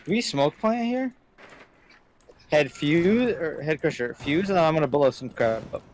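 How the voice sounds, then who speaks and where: A man's voice: on the high side, expressive, moderate pace, darkish tone. A man leading his team in casual game voice chat, giving directive tactical calls and often repeating his instructions. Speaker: team leader in an online game. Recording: noisy gaming voice-chat mic.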